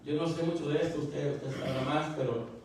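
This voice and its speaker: At a moderate pace and with fairly even intonation, a man preaches a casual Spanish sermon in a slightly high, somewhat mellow voice. Folksy in manner, he repeats "¿verdad?" and "hermano" to his listeners and restarts his words; the echoey sanctuary is captured from a distance with slight background noise.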